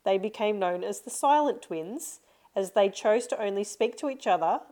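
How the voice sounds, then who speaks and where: Woman, podcast co-host, relaxed storyteller, easy laughter, casual chat. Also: medium pitch, normal speed. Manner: chatty, laughs often, tells stories with lots of fillers.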